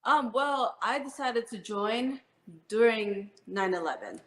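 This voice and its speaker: In an interview, a woman in her thirties, born in the Philippines and raised in New Jersey, tells her story as an Army first sergeant. Her fairly high, fairly bright voice moves slowly with lively intonation, and her talk is earnest and heartfelt, full of fillers. The recording is reverberant.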